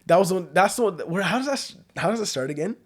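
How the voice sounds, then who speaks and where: Racing along in a high-pitched, expressive voice, this young podcast host keeps the conversation casual. He's laid-back, leaning heavily on filler words and loose slang.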